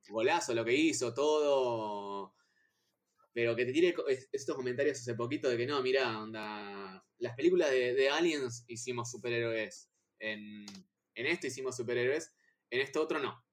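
A man with a Rioplatense accent in casual film chat, excitable and heated, with stumbling restarts and slang. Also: medium pitch. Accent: Rioplatense Spanish. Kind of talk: casual chat about films.

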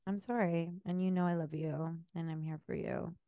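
Lower-voiced woman, dramatic jokey co-host. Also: steady tone, moderate pace, creaky, no echo, muffled recording. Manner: dramatic, jokey, swears freely. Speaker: podcast co-host. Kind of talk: casual chat.

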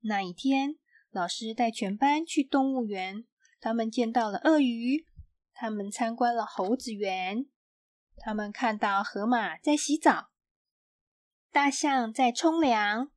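Slow-reading woman storyteller. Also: on the high side, no echo. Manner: slow, clear, expressive reading. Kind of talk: children's storybook read-aloud.

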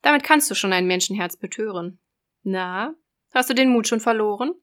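Woman voicing a cruel old sea witch, loud, sneering, emphatic, storybook. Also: medium pitch, expressive, moderate pace, close to an everyday voice. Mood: menacing, sneering.

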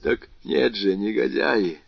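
A man with a low voice reading the part of an aging captive banker, desperate and furious by turns, in a muffled dry recording. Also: slow, vocal fry, slightly rough, no room sound, full character voice. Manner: pleading, then raging.

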